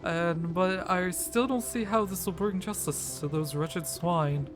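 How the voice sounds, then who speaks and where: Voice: mid-range voice, a little slow, voice pushed up, natural voice. A gamer voicing the theatrical, hungry ghost of a poor old man, over game music. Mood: delighted.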